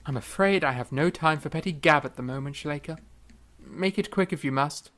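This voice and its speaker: A man's voice: fairly high pitch, normal speed, fairly bright tone, lightly acted. A man playing an indignant young Mozart, proud and wry, in formal, wordy audio drama period speech. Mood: curt, wry.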